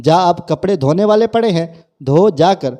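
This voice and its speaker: A man's voice: high voice, lively intonation, warm tone. A man voicing a stern, insulting middle-aged mother-in-law in a spoken family story. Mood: angry. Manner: harsh, insulting.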